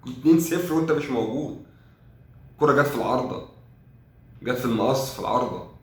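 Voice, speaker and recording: Sarcastic Egyptian man, fast talk. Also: mid-range voice, reverberant. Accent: Egyptian Arabic. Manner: sarcastic, exasperated, thinks aloud. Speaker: football fan commentator. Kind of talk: casual match review.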